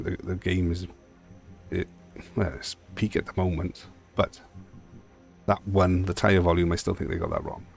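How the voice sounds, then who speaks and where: A man's voice: sits low, creaky, darkish tone. A man with a Welsh accent giving a casual, blunt and rambling walkthrough of game settings as a video host. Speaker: sim racing video host.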